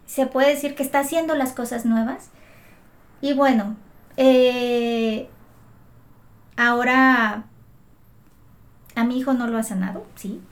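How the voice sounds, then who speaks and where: A woman's voice: a little high, steady tone, slow, long pauses. A mother telling her faith story in an earnest, emotional way, often restarting her sentences. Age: adult mother. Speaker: guest sharing her faith testimony. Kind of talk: heartfelt testimony in conversation.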